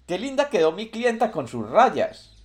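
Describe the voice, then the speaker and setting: A man voicing a sly, clever male monkey who talks quickly and eagerly in a storybook tale. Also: high voice, sing-song, voice pushed up. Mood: boastful.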